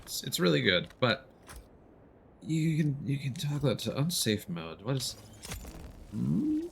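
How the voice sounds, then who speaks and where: A man with a creaky, mid-range voice and huge pitch swings streams a video game, speaking a little slowly as he casually explains his play in a relaxed way. The background carries game audio and slight noise.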